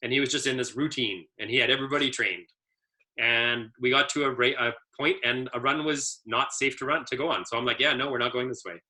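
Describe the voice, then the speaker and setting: A man's voice: medium pitch, fairly quick, sharp tone. A man, an adaptive ski instructor trainer, giving a casual training presentation as an easygoing storyteller with many fillers.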